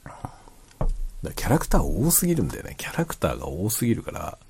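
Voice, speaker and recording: Man, quiet late-night casual chat, deep mellow voice, rambling explanations, soft asides. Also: huge pitch swings, quick pace, slight background noise. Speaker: streamer chatting to listeners.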